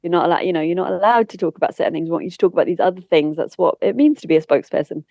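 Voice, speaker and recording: Talking very fast and animatedly, this woman has a fairly low, dark-toned voice with vocal fry, recorded without echo. As an interview guest, she is a campaigner and former spokesperson who explains things candidly, earnestly, and conversationally.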